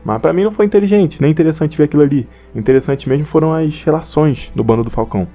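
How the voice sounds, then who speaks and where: A man's voice: on the high side, fast, lo-fi sound, faint music behind. A young man with a Brazilian accent, giving a casual, slangy, rambling opinion monologue on an anime and partly reading from notes. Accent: Brazilian Portuguese. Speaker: anime commentator.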